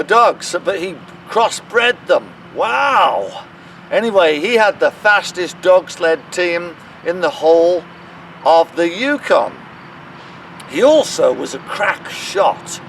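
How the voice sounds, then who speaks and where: Guy doing town crier style tour outside, high voice, proclaims everything, bit far from mic w some street noise. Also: fairly bright tone. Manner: town crier delivery, theatrical proclaiming with drawn-out emphasis; exclamatory storytelling with rhetorical questions. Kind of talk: guided history tour narration. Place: outdoors in a cemetery.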